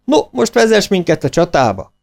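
A man's voice: high voice, big pitch swings, gravelly, voice pushed up, exaggerated voice. A man voicing a commanding male warrior leader in a storybook, rousing and bold.

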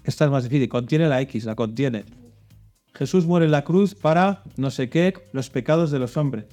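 A man's voice: mid-range voice, normal speed, dark tone, soft background music. Man hosting a quiz. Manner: reads clues then coaxes and hints. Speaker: quiz host. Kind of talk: hosting a children's religious quiz show.

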